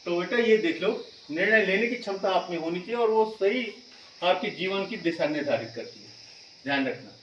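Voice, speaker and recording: A male school teacher with a high voice explains a lesson patiently, often pausing to check that the class follows. He sounds roomy and a little distant from the mic, with faint insect sounds behind him. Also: animated, fairly bright tone, dull audio, a little hiss or hum.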